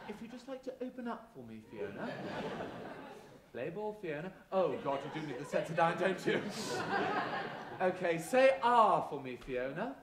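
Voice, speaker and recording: A man's voice: on the high side, very animated, crowd noise. A man playing a flamboyant, boastful tooth fairy godmother as a pantomime dame, theatrical and grandiose, with a sinister edge. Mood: sly, teasing. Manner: theatrical, grandiose, drawn-out delivery. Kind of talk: live stage pantomime monologue with audience banter. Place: large theatre stage, indoors. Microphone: distant camera in the audience. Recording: echoey noisy theatre recorded from the audience.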